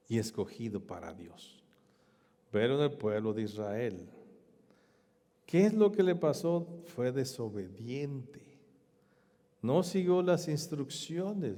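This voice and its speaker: A man preaching a sermon as pastor, emphatic, with rhetorical questions and swings between loud and soft. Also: mid-range voice, in a large hall.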